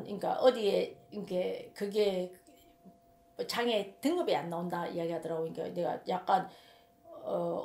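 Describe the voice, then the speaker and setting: Echoey Gyeongsang-accented woman storyteller. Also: lowish voice. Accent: Gyeongsang Korean. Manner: emphatic, rambling, repeats words. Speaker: shaman. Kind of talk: casual storytelling monologue. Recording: roomy echo.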